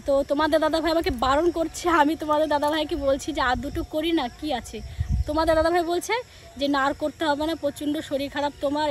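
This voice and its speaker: A woman, a sore throat and a cough, chatting casually to her viewers as she walks home outdoors in a village. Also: sits high. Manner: chatty, speaks straight to viewers and acts out family dialogue. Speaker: village lifestyle vlogger. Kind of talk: casual chat to viewers while walking.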